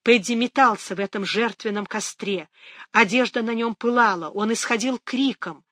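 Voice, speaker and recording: A narrator reading a novel aloud in a measured, dramatic audiobook style, recorded close to the mic. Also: mid-range voice, fairly bright tone, no room sound.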